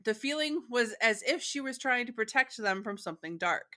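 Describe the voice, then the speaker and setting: A woman's voice: on the high side, animated, a little fast, pushed and bright. Chatty, laughing woman podcast host. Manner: chatty, laughs often, many fillers. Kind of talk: casual chat.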